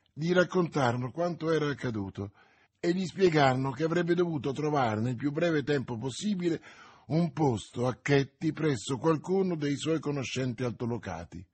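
A male narrator reads a classic adventure novel aloud in a steady, measured way. His voice is husky and sits a little high for a man. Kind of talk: audiobook reading.

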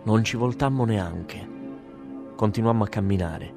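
A man narrating a story as an audiobook, in a calm, measured way. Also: fairly low pitch, vocal fry, over music.

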